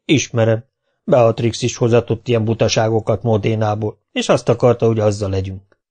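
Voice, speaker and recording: A man's voice: fairly even intonation, a little mellow, natural voice. A man doing a blunt medieval warrior. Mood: dismissive. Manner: booming, old-fashioned commands. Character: stout-hearted medieval warrior, male, blunt.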